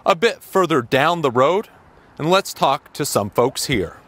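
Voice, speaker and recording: A man delivering a field news report as a foreign correspondent, speaking outdoors in measured, formal tones. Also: fairly high pitch, lively intonation, a bit bright. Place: outdoors on a city street.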